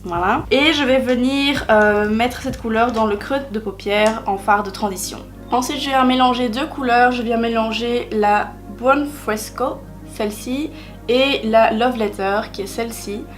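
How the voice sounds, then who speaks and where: A young woman narrates a makeup tutorial in a chatty, self-mocking way, often pausing on hesitant fillers. Her voice sits a little high. Quiet music plays behind her. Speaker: beauty vlogger.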